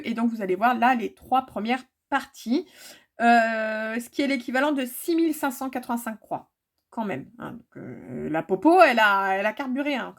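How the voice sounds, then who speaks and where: A woman chatting casually to her viewers about her cross-stitch projects, full of fillers and repeated words. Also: fairly high pitch.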